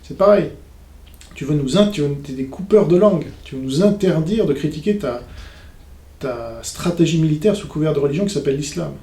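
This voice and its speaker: Reacting to a conference video, a man delivers off-the-cuff polemical commentary, sarcastic and scornful, mimicking the people he criticises. His voice is mellow, on the high side and lively in intonation, moving a little fast. The room sound is roomy and echoing.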